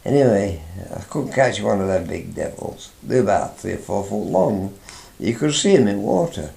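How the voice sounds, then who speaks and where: A man's voice: lowish voice, sing-song, normal speed, creaky, mellow, echoey room. An older man from England, telling a rambling, chatty fishing anecdote from his youth, with frequent restarts. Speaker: interviewee, father recalling his youth. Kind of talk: anecdotal storytelling.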